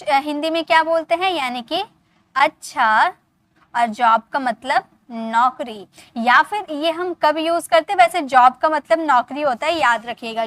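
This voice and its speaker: In a dry recording, a woman whose voice is high and a bit bright gives a spoken English lesson for beginners, explained in Hindi. She spells words out patiently, says pronunciations again and again, and tests the viewer with questions.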